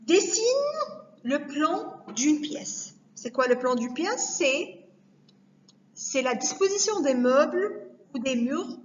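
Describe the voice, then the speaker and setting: A woman teacher giving a recorded lesson to young children, speaking slowly and carefully, repeating each word to break it down. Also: high voice, animated, slight background noise. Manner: slow, careful, repeats words to spell them out. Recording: echoey room, dull lo-fi sound.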